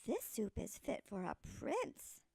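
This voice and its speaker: A woman voicing a sweet little old lady in a storybook, with a creaky voice. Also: medium pitch, wildly swooping pitch, takes it slowly, warm tone, no echo, voice pushed down, full character voice. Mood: pleased. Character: little old lady, wary then delighted. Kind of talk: storybook character voice.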